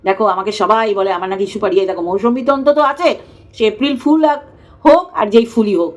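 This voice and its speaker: A woman's voice: medium pitch, brisk. A woman giving a scornful, mocking commentary rant in a casual tone. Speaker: YouTube commentator.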